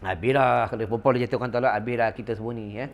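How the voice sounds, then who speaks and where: A middle-aged Malaysian man giving a religious lecture to an audience, telling stories with lively call-and-response asides. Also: mid-range voice, very fast, vocal fry, slight background noise. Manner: animated storytelling with call-and-response fillers. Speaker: religious teacher.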